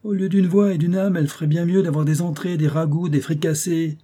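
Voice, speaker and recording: A man's voice: lowish voice, steady tone, a little fast, warm tone, natural voice. A man voicing an angry, grumbling male cook in a storybook reading. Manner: angry, scolding.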